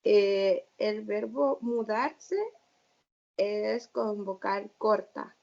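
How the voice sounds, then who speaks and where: Slow, gravelly-voiced woman student. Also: medium pitch, fairly even intonation, darkish tone, dull audio. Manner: asks careful clarifying questions.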